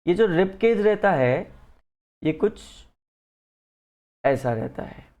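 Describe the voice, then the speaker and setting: A man's voice: high voice, lively intonation, takes it slowly, darkish tone, dull audio. Man tutoring a student in science. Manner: explains patiently, mixes in English phrases. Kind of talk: one-on-one lesson.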